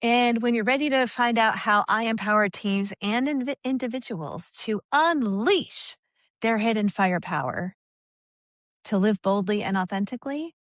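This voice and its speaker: A woman's voice: fairly high pitch, lively intonation, normal speed, dry recording, clean studio sound. A woman co-hosting a podcast, chatting in an upbeat, encouraging way about workplace leadership. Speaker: podcast co-host. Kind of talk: casual podcast chat.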